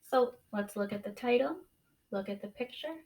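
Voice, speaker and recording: With a voice on the high side, a woman teacher gives children a deliberate, expressive reading of a picture book, putting stress on key words.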